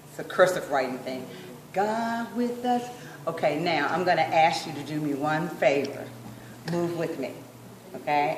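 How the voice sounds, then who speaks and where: A woman instructor coaching a group rehearsal, encouraging them and slowly repeating phrases as she demonstrates. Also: sits low, echoey room, recorded from a distance, a little hiss or hum. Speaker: sign language dance instructor.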